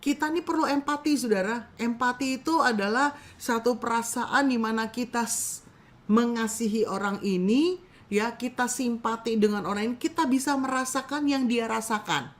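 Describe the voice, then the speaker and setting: Female church teacher, higher voice, chatty sermon delivery with rhetorical questions. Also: normal speed. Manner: addresses listeners as brothers and sisters, acts out short scenes; casual, conversational preaching with rhetorical questions. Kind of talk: sermon-style teaching to a congregation.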